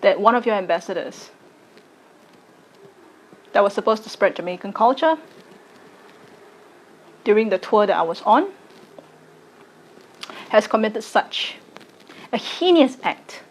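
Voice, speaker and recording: A woman, giving a slow, deliberate personal statement to camera. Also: mid-range voice, lively intonation, rough recording. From Singapore. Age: late 20s. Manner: slow, deliberate, measured delivery. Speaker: arts educator and content creator.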